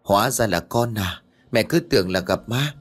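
A man's voice: on the low side, lively intonation, moderate pace. A man voicing a frightened elderly mother who stammers and trembles, in an audiobook ghost story. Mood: shaken.

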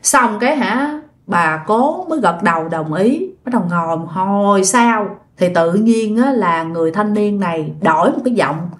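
A woman's voice: medium pitch, lively intonation, moderate pace, few pauses. A woman telling a ghost story in a chatty way, addressing listeners directly. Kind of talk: casual spoken ghost story.

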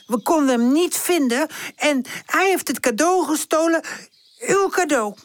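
A woman's voice: high voice, lively intonation, measured pace, no echo, voice pushed up. A woman voicing an eager young male puppy who stammers, in a children's storybook. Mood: earnest. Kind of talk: storybook character voice.

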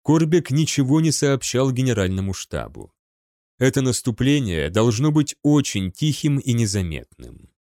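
A man narrating an audiobook in an even, measured storytelling manner. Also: mid-range voice, no room sound, clean studio sound. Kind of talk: scripted narration.

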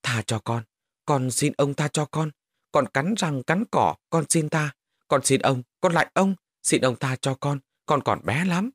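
A man's voice: fairly high pitch, expressive, measured pace, dry recording, clean studio sound, pitched above the performer's own voice. A man doing a terrified little girl begging. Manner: begging, crying out.

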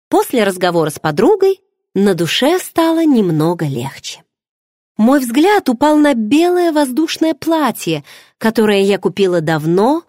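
Animated woman reading a novel. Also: medium pitch, no room sound, clean studio sound. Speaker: audiobook narrator. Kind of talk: first-person novel narration.

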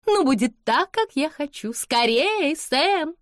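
A woman doing a shrill, haughty young society beauty. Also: expressive, slow, dry recording, studio quality. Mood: mocking, imperious. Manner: imperious, mocking, commanding.

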